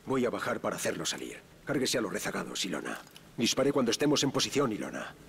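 Gruff, gravelly low-voiced soldier. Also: male voice, sing-song, a bit bright, a little hiss or hum, full character voice. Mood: focused, terse. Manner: brisk, clipped instructions. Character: gruff male soldier giving tactical instructions. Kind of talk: military shooter game dialogue.

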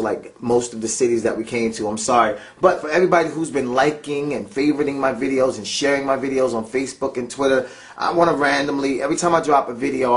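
An energetic man, a YouTuber and rapper, talking in a hyped, slangy vlog style and shouting catchphrases. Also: medium pitch. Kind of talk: hyped vlog talk and rap.

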